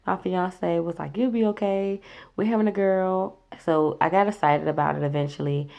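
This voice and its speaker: Woman, 20s, low voice, casual storyteller who acts out the dialogue. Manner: chatty, acts out quoted voices. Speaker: vlogger.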